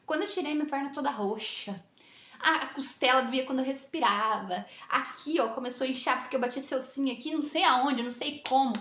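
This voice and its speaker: Lively high-voiced woman vlogger. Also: quick pace. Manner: lively, laughs often, acts out quotes. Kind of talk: casual storytelling to camera. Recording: echoey room.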